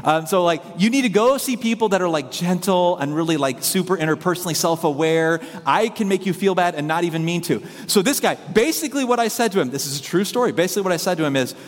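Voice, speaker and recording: A man's voice: high-pitched, lively intonation, fast talker, few pauses. Storytelling male pastor in a big hall. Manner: digressive, self-deprecating storytelling. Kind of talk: sermon.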